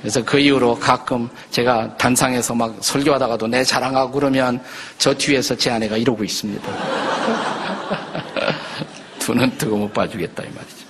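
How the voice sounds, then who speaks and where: An older man, a pastor, preaching a sermon in a lively conversational way, acting out quotes and jokes. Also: mid-range voice, a little slow, a little hiss or hum. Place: church sanctuary. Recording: long church reverb.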